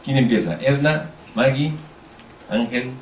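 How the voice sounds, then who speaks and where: Unhurried and mid-range in pitch, this male moderator politely lays out the panel format and calls speakers up in an event hall. His delivery is organized yet full of hesitation fillers. The recording is echoey from a distant mic, with a little hiss or hum.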